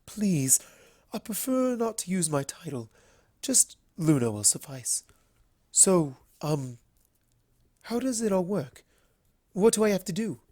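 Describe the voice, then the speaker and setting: A narrator voicing a regal, reserved winged unicorn princess in a storybook reading, with formal, measured courtesy. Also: mid-range voice, big pitch swings, warm tone, pitched above the performer's own voice. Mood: awkward, curious. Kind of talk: storybook character voice.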